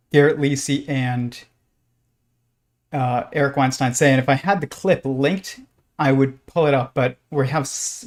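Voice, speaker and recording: Halting, casual man hosting a livestream, scratching behind. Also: medium pitch. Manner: halting, rambling delivery. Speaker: live stream host. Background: pet lizards scratching in background.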